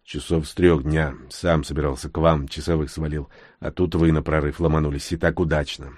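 A man voicing a hardened soldier who gives low, hushed, clipped orders in an audiobook. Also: level tone, a little fast, breathy edge, no room sound, studio quality. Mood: grim. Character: grim, hardened male soldier, curt and commanding.

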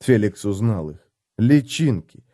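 A man reading fantasy fiction in steady, measured scripted narration for an audiobook. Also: on the low side, dry recording, clean studio sound.

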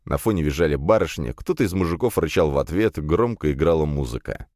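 Deep guy reading an audiobook, lively swings in tone, dry close studio sound. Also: fast talker, no room sound. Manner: lively storytelling with acted dialogue. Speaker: audiobook narrator. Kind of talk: scripted first-person narration.

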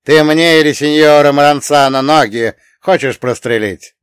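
A man voicing a young mafia boss in his thirties, cool and theatrical, with a lazy, even drawl that turns to barking. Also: mid-range voice, unhurried, no room sound, studio quality, close to an everyday voice. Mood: shouting. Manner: languid drawl that flares into barking.

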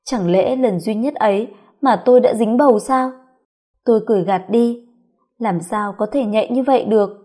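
A woman's voice: a little high, moderate pace, warm tone, husky. Woman confiding a first-person story. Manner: confiding, inward, reflective. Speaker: narrator.

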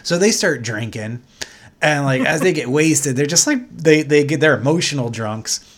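A man co-hosting a podcast, chatting casually, laughing often and acting out characters in loud, excited voices. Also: fairly high pitch, normal speed. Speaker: podcast co-host. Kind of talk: casual chat.

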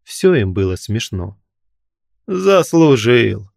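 A man narrating a horror story in a measured, unhurried storytelling manner. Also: medium pitch, warm tone, dry recording, clean studio sound. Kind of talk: audiobook narration of a horror tale.

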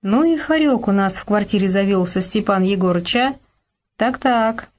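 A woman's voice: mid-range voice, moderate pace, darkish tone, natural voice. A woman reading aloud, voicing a sly, mocking young man recently out of prison.

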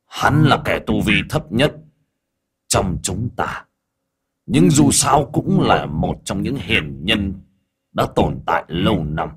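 A man's voice: on the low side, lively intonation, slow pace, slightly rough, full character voice. A man voicing a boastful, ruthless old demonic elder in an audiobook, speaking in a mocking, threatening way. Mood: weary warning.

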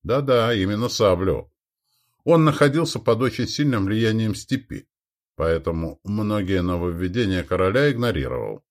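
A man narrates an audiobook with a lowish voice that rises and falls a lot. His reading is expressive and storyteller-like, shaping each sentence for the listener. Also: moderate pace.

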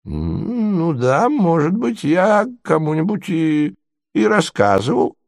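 A man voicing a confused, sentimental old prince who rambles and turns tearful, in a high, quavering voice. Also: wildly swooping pitch, takes it slowly, creaky, no echo, clean studio sound, full character voice. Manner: muddled, rambling, easily tearful.

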